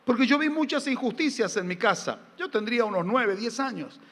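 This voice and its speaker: Argentine male pastor, middle-aged, high bright voice, emphatic sermon delivery, reverberant church hall. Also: lively intonation, a little fast. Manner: emphatic, fires rhetorical questions at the congregation; folksy, tells humorous family anecdotes. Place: church sanctuary during a live service.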